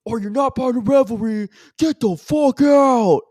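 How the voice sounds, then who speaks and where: A man voicing rowdy young male frat bros yelling at people to leave. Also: very high-pitched, measured pace, no room sound, clean studio sound, soft background music, voice pushed up. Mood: aggressive.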